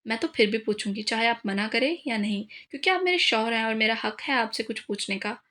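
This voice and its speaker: A woman reading as a gentle young wife. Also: a little high, fairly quick. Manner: gentle, affectionate. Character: young woman, affectionate shy new wife.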